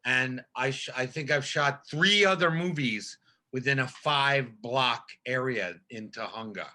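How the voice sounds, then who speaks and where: A man's voice: mid-range voice, a little slow, sharp tone. An older male actor, a podcast guest, telling stories in a casual, rambling way with many restarts.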